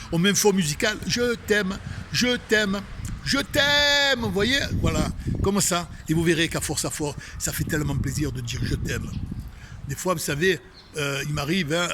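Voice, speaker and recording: Man, Marseille accent, inspirational outdoor sermon, emphatic, repeats himself, talks to the listener; noisy open-air recording. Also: fairly high pitch. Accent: Marseille French. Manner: emphatic, repetitive, addresses listeners directly. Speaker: spiritual speaker. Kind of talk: inspirational religious talk. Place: outdoors facing a tree.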